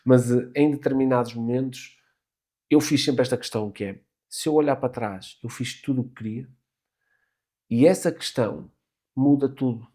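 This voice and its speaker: A middle-aged man from Portugal with a European Portuguese accent, chatting on a podcast. He talks animatedly, restarts his sentences often and swears freely. His voice sits at an ordinary middle pitch. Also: normal speed, mellow. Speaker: podcast guest. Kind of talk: casual chat.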